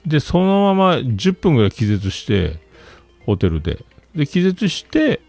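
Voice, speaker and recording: A man's voice: a little high, wildly swooping pitch, a little slow, gravelly, a little mellow, no room sound, soft background music. A man telling a rambling story in casual chat, with many fillers and asides.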